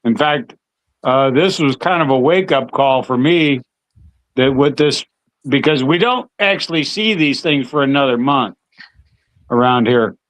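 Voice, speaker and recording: A man talking in a steady, plain-spoken way on a call in a casual conversation. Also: mid-range voice, unhurried, dry recording, low-quality recording.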